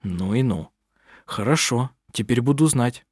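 A man's voice: mid-range voice, lively intonation, unhurried, darkish tone, breathy edge, no echo, studio quality. A man reading aloud, voicing an earnest young man who is an eager would-be sorcerer and a fond son. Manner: earnest, affectionate.

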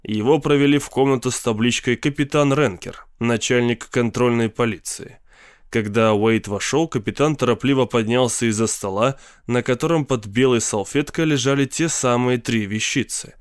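A man narrating a story in a measured reading voice, performing all the characters himself. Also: medium pitch, clear, resonant tone, no room sound, studio quality.

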